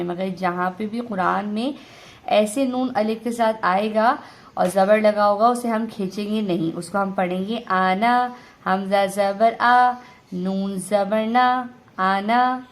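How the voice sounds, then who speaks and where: A woman teaching an online reading lesson. She sounds out syllables slowly and loudly, then explains quickly between drills. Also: medium pitch, fairly even intonation.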